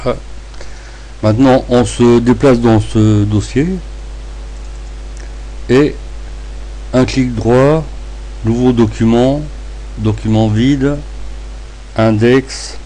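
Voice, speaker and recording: A man with a lisp that makes his s sounds slushy, narrating a step-by-step screencast tutorial in short, halting phrases. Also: mid-range voice, fairly even intonation, dark tone, slight background noise, poor audio. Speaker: tutorial presenter.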